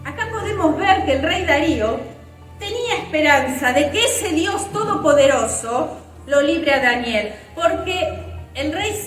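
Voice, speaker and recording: A woman preaching a sermon in a church, fervent and emphatic. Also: very high voice. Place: church hall. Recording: roomy church hall, mic at a distance, faint music.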